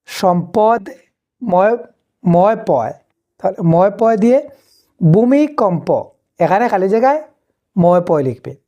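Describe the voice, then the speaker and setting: Woman teacher with an Assamese Bengali accent, patient, unhurried, soft mellow tone. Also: mid-range voice, lively intonation. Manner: patient, spells out conjunct letters slowly. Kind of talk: textbook lesson.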